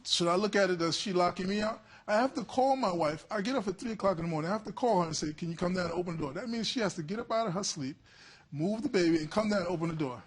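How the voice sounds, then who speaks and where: A man's voice: high voice, fast talker, slightly rough. A man litigant in a television courtroom, earnestly justifying himself to a judge and repeating phrases as he explains. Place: TV courtroom studio.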